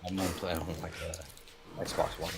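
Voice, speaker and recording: A man's voice: deep voice, flat delivery, moderate pace. A man calling in to chat and debate, talking hesitantly with many fillers and a dry manner. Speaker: caller. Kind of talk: casual call-in chat and debate.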